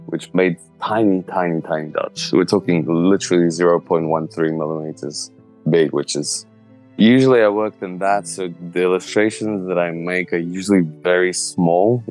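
A man, answering interview questions in a thoughtful, halting way. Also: sits low, darkish tone, soft background music, poor audio. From Slovenia. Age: 30s. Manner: thoughtful, halting, searching for words. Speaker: interviewee, illustrator.

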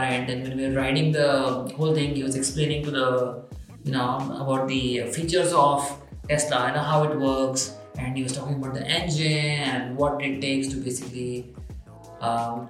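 A man tells a travel story in a casual, enthusiastic way and leans hard on his emphasis. He stacks up fillers as he goes, and his voice sits in the middle range. The recording is very echoey, with faint music underneath. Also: medium pitch. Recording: very echoey room.

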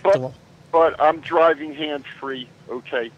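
A man in his sixties calling in on a car speakerphone while driving, polite and affectionate, with halting restarts. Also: on the high side, fairly even intonation, lo-fi sound, heavy background noise. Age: 60s. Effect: car speakerphone call while driving. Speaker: radio show caller. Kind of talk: casual call-in chat.

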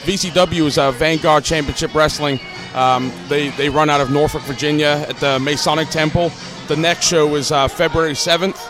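A man's voice: fairly high pitch, fairly even intonation, moderate pace. A man from Newcastle, England, a professional wrestler, answering interview questions casually with many fillers. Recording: loud music and crowd behind.

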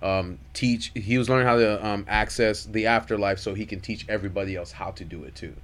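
A man's voice: fairly low pitch, steady tone, fairly quick, a bit bright. A man in casual conversation with friends, talking in a slangy, bro-ish way and repeating himself. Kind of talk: casual group chat with friends.

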